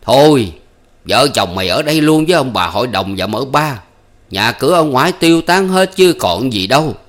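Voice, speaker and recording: A man's voice: medium pitch, expressive, moderate pace, a bit bright, pitched above the performer's own voice, natural voice. Man playing an older village notable, kindly, coaxing, slightly raised voice, storybook.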